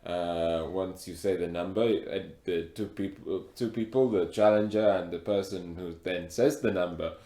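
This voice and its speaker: A man putting on a very heavy African accent, talking haltingly with many fillers and restarts. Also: low-pitched, fairly even intonation, dark tone, echoey room, close to an everyday voice. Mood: playful. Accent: African (put on).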